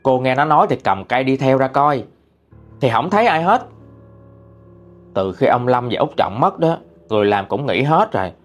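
A man with a Southern Vietnamese accent tells a ghost story in a chatty, colloquial manner. His voice sits at a middle pitch but rises and falls freely as he builds the tale. Faint music plays underneath. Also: sing-song, normal speed, long pauses.

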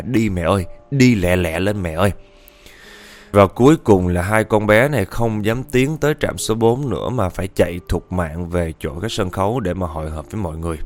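A man telling a ghost story in a casual, chatty way, often speaking straight to his listeners. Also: low voice. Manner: chatty, addresses listeners directly.

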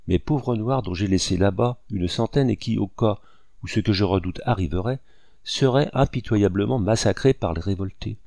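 A man's voice: fairly low pitch, moderate pace, creaky, mellow, dry recording, clean studio sound. A man voicing an older colonial planter who is a courteous, earnest host in a read-aloud story.

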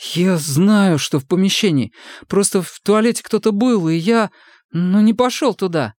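A man's voice: sits high, a little mellow, no echo, clean studio sound, voice pushed up, natural voice. A man voicing a frightened young male army recruit who squeals and pleads breathlessly. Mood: frightened pleading. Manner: squealing, breathless, talking fast in panic.

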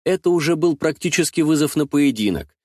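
Lively male audiobook narrator, dry close sound. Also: a little high, brisk, dry recording. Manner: expressive, lively storytelling. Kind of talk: first-person audiobook narration.

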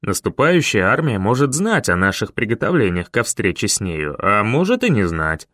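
A man voicing a calm, stern older leader who speaks in a measured, grave way. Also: fairly low pitch, no room sound, clean studio sound, pitched below the performer's own voice.

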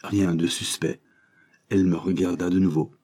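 A man narrating a literary novel as an audiobook in a measured, expressive reading. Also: low-pitched.

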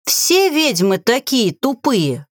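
A creaky, shrill old spellbook grumbles in stretched-out, whiny complaints, as a woman puts her on. Her voice sits higher than usual and moves slowly. The audiobook recording is dry and close. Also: very animated, dry recording, full character voice. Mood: indignant. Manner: drawn-out complaining. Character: grumpy shrill female talking grimoire.

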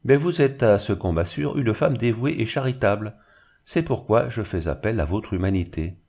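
A man voicing an obsequious, smooth-talking village bailiff with an unctuous, honeyed manner. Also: fairly low pitch, animated, normal speed, a little mellow, exaggerated voice. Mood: wheedling.

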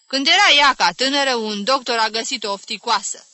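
Woman doing a brusque old aunt, high, piercing, dry sound. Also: sharp tone, dry recording. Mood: snapping. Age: older. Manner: brusque, scolding. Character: snappish old aunt, dismissive of doctors. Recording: dry close studio reading.

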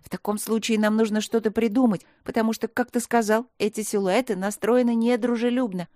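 A woman's voice: fairly high pitch, steady tone, fairly quick, dark tone, no echo, studio quality, pitched above the performer's own voice, close to an everyday voice. A woman voicing a brave young heroine who speaks in a tense, urgent way.

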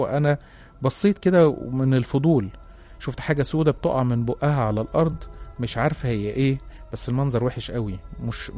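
Fast-talking Egyptian male storyteller. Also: mid-range voice, mellow. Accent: Egyptian Arabic. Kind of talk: narrating a listener's horror story.

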